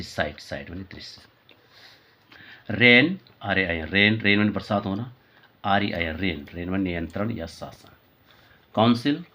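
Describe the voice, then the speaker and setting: A man's voice: sits low, a bit bright, slightly rough. A man teaching English vocabulary, mixing Hindi and English, spelling words out letter by letter and often correcting himself. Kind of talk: classroom lesson in Hindi and English.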